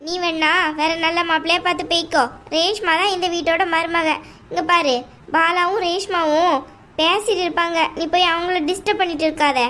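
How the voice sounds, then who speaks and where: A woman's voice: very high-pitched, fairly even intonation, pushed and bright, a little hiss or hum. A woman voicing a scheming, domineering middle-aged mother-in-law who talks in a scornful, taunting way in an amateur audio drama. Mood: scornful, bossy. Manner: scornful, bossy, drawn-out taunting.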